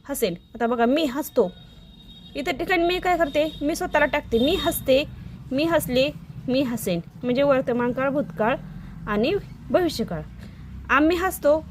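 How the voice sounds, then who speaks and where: High-voiced woman teaching a grammar lesson. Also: a little mellow. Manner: explains step by step, repeating word forms slowly. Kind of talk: exam-prep grammar lesson for young students.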